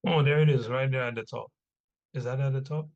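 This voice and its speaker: A man's voice: mid-range voice, fairly even intonation, a little fast, lo-fi sound. A man teaching an informal religious history class, reading texts aloud and punctuating his points with rhetorical questions and short check-in tags.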